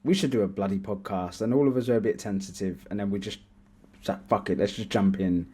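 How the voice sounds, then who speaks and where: A man's voice: fairly low pitch, steady tone, fast talker, mellow, breathy edge. A young man co-hosting a casual podcast, speaking earnestly and reflectively. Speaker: podcast co-host.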